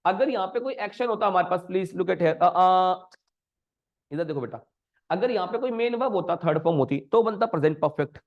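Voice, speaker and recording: एक पुरुष शिक्षक ऑनलाइन व्याकरण कक्षा पढ़ा रहे हैं, बीच बीच में अंग्रेज़ी शब्द बोलते हुए और छात्रों से बार बार सवाल पूछते हुए।. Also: male voice, high-pitched, animated, moderate pace. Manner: coaxing students with repeated questions; mixes Hindi with English terms. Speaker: grammar teacher. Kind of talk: live online grammar lesson. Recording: dull lo-fi sound.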